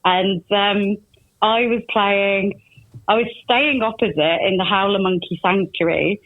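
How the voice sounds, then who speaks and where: A woman's voice: medium pitch, measured pace, no echo. A woman telling chatty stories as a guest on a podcast interview. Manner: chatty storyteller. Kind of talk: casual interview chat. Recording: tinny phone line, dry.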